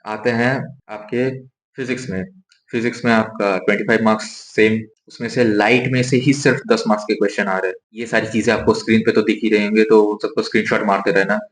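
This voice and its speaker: Young man, low flat voice, casual exam-prep coaching, echoey room, faint background noise. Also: brisk. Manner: direct, repeats instructions, coaching tone. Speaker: study tips presenter for board exams.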